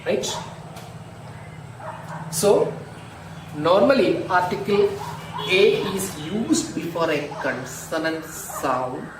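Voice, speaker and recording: Slow, echoey teacher. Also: male voice, a little high, expressive. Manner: slow, repetitive, drills examples aloud. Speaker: school teacher. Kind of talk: online grammar lesson. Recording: echoey room, distant mic, noisy.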